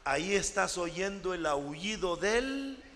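Man, sermon, high voice, unhurried, dramatic shouts, reverberant church hall. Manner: dramatic, slow delivery with sudden shouts. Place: large church.

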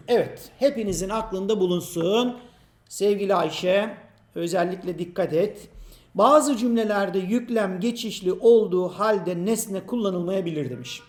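A male teacher giving an exam prep grammar lesson, explaining slowly and patiently, asking questions and answering them himself, and speaking to imagined students by name. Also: high voice, roomy sound.

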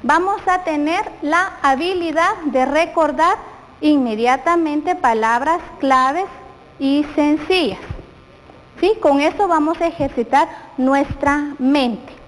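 Guatemalan woman teacher, high and slow, quizzing kids, long studio reverb. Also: a little hiss or hum. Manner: slow, questioning the viewers often. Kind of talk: televised classroom lesson.

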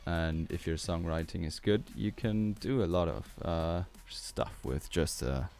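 A young Austrian producer in his twenties, speaking with an Austrian German accent, walks through a music tutorial in a relaxed, hesitant manner full of fillers. His voice sits low and his pace is measured, captured on a boom-arm studio mic with headphones in a small home studio.

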